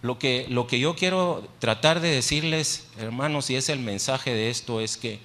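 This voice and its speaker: A man's voice: medium pitch, normal speed, pushed and bright. A man preaching a sermon. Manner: conversational preaching, asks the congregation questions; repeats phrases for emphasis. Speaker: pastor. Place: church. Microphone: handheld microphone.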